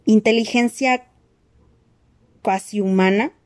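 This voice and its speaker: A woman's voice: mid-range voice, fairly even intonation, takes it slowly, close to an everyday voice. A woman voicing a proud, fierce male centaur with a stern, roaring manner. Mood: scornful.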